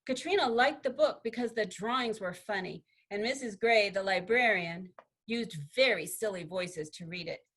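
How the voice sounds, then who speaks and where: A woman student reading a children's picture book aloud in an expressive, gently paced storytelling manner. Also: mid-range voice, normal speed. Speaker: student presenter.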